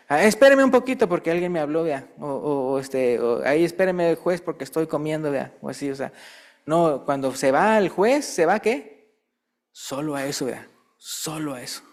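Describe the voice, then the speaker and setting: A man preaching a sermon in a conversational way, asking the congregation questions and acting out quoted voices. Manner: acts out quoted voices with rising pitch.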